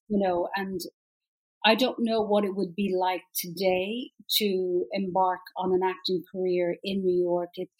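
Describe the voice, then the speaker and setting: A woman's voice: medium pitch, low-quality recording. A middle-aged woman with an Irish accent, a guest chatting casually in an interview, laughing easily between fillers. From Ireland. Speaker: actress guest.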